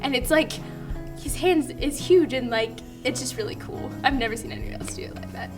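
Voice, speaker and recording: A woman with a high voice rambles through a casual tribute, filling every pause with fillers. She sits back from the mic, and loud music plays behind her. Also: far from the mic.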